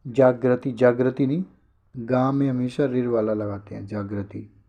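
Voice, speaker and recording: A man teaching a spelling lesson for an exam, briskly repeating each word to correct it. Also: mid-range voice, flat delivery, highs cut off.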